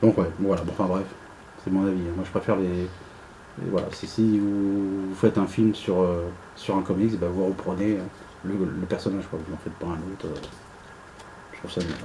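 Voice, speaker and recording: A man with a lowish, warm and dark voice talks his way through an unboxing in a loose, casual vlog style. He rambles and hesitates, trailing off into fillers. Faint noise sits behind his voice. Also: flat delivery, normal speed, poor audio. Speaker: unboxing vlogger.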